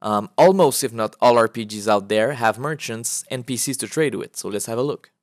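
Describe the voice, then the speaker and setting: A man's voice: medium pitch, moderate pace, no echo, clean studio sound. A man, an indie game developer, casually walking through his game prototype with frequent "uh" fillers. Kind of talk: casual gameplay walkthrough.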